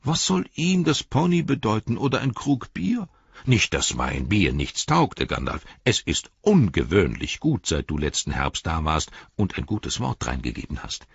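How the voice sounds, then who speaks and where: A man's voice: sits low, very animated, measured pace, vocal fry, husky, no room sound, voice pushed up, full character voice. A man voicing a chatty, anxious middle-aged innkeeper in a storybook reading, with a rambling, fussy manner. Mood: bewildered. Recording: dull lo-fi recording.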